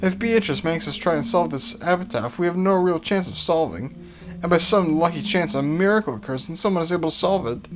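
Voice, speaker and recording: An androgynous narrator reads a story dramatically at a middle pitch. The delivery moves between narration and character thought, with soft music behind. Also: expressive, brisk. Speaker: reader, narrator. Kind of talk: dramatic reading of a visual novel.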